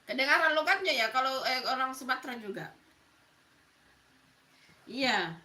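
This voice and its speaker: A middle-aged woman from Makassar, South Sulawesi, with a local accent, hosts a casual live stream, chatting with viewers, greeting them by name and laughing often. Her high voice is bright and pushed, with lively intonation and an unhurried pace. She sounds distant and off-mic in an echoey room.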